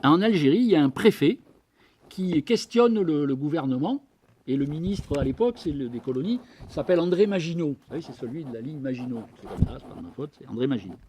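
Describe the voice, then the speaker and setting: Man, fairly high voice, chatty public-talk speaker, hesitant asides, reads excerpts aloud. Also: animated, brisk, mellow, slight background noise. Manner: conversational lecturer with frequent asides and hesitations; reads historical documents aloud. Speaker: guest speaker at a political debate. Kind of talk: public talk to a live audience.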